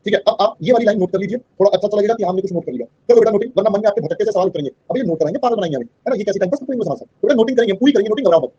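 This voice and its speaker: A man's voice: high-pitched, expressive, very fast, hardly any pauses, warm tone, breathy edge, highs cut off. A man teaching an online class in a mix of Hindi and English. He keeps checking that the students understand and calls them "beta".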